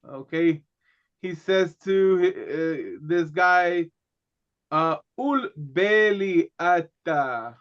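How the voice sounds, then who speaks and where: Giving a lecture, this high-voiced man takes his time and lets every phrase settle. His first language is Hebrew, and his loose, relaxed teaching is full of joking asides and repeated "okay" and "right," heard through muffled, dull audio that resembles an online class.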